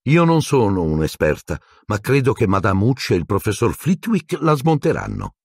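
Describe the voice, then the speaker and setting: A stern older woman professor, clipped and icy, her voice lifted well above a man's usual low register, as a male narrator puts her on. The sound is dry and close, with a husky grain and lively rises in pitch. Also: normal speed, no room sound, full character voice. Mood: firm. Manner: clipped, cool and severe.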